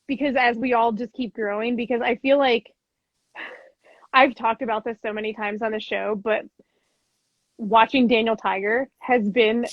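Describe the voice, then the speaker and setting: Woman host in her thirties, chatty, bright-pitched, dry and slightly dull recording. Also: fairly even intonation, measured pace, no room sound. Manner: chatty, acts out storybook lines when reading. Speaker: podcast host. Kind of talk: casual interview chat.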